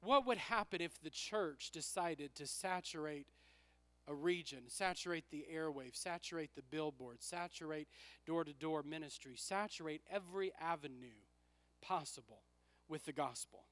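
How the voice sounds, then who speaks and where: A man preaching a sermon with personal stories as a pastor, his raspy voice worn from use, repeating phrases for emphasis. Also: on the high side, normal speed, fairly bright tone.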